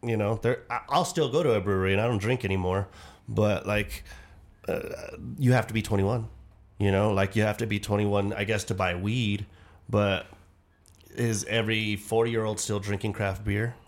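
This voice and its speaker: A man's voice: fairly low pitch, fairly even intonation, normal speed. A man hosting a podcast, laid-back and rambling, laughing often in casual chat. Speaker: podcast host.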